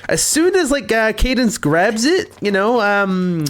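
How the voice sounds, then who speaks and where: A man's voice: high voice, big pitch swings, unhurried, a bit bright. A young man streaming a game, chatting casually in a rambling, talkative way. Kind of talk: casual gameplay commentary.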